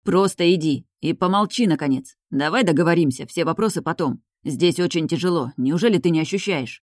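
Woman doing a gruff, curt stranger barking orders. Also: sits low, fairly quick, no room sound, studio quality.

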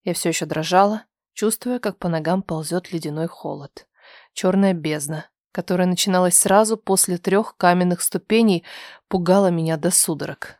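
A woman reading a first-person story aloud with a tense, emotional and often softened delivery. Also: fairly low pitch, moderate pace, no room sound, clean studio sound. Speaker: audiobook narrator.

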